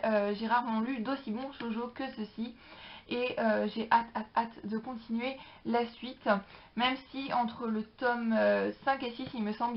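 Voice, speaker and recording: Chatty woman reviewing books, lo-fi. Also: on the high side. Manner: chatty, enthusiastic, many hesitations. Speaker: book reviewer. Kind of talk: casual book review vlog. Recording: dull lo-fi sound.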